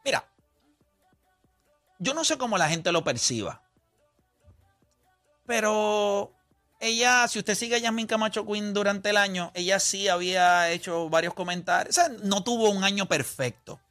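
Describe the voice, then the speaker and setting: High bright-voiced man. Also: moderate pace, long pauses, soft background music. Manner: blunt, argumentative, emphatic. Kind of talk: casual sports debate.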